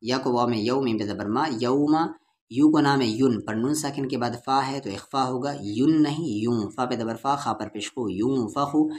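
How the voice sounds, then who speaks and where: A man's voice: mid-range voice, moderate pace, darkish tone. A man with an Urdu-Hindustani accent teaching Quran reading, patiently spelling out syllables and drawing out the vowels. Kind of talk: letter-by-letter recitation lesson.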